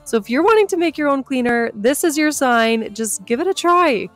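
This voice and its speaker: A woman's voice: sits high, lively intonation, normal speed, faint music behind. A woman in her thirties narrating a home cleaning vlog in a casual, chatty voice-over with lots of fillers. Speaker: vlogger.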